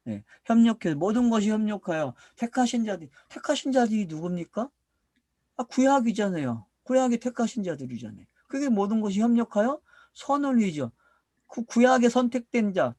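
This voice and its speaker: A middle-aged man from South Korea preaches to his congregation with a fairly high, very animated voice that swings widely in pitch. He poses questions and answers them himself, drawing out key words for emphasis. The recording is dry and close. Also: no room sound. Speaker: pastor. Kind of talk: sermon, Bible teaching to a congregation.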